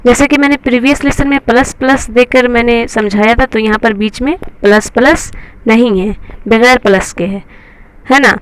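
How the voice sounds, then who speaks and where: A woman's voice: fairly high pitch, clear, resonant tone, low-quality recording. A woman teaching a writing lesson step by step. She spells out each letter and patiently repeats every word. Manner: slow, spells out letters one by one. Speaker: Urdu teacher.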